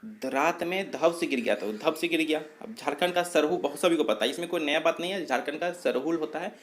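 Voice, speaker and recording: A man's voice: on the high side, fairly quick. A man teaching a lesson on memory tricks, explaining step by step, asking himself questions and answering them, and correcting his own slips. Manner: explanatory, repeats points, asks and answers himself. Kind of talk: exam-prep mnemonic lesson.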